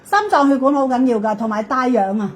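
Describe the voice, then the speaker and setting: A woman with a Hong Kong Cantonese accent hosting a live hard-sell shopping pitch, insistent and repetitive, often checking in with questions. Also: fast.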